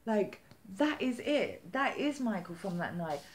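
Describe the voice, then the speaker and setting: A woman vlogger telling a story in casual chat, animated and chatty, acting out the quotes with lively jumps in her voice. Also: mid-range voice, measured pace, slight background noise. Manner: chatty with many "like" fillers.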